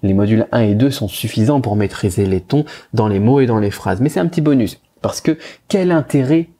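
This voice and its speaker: A man from France pitches his language course in a relaxed, chatty way, circling back over the same points and restarting his sentences. His voice is dark and a little husky. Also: brisk. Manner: informal, repeats himself, many fillers and restarts. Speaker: Chinese language teacher. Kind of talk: casual spoken course pitch.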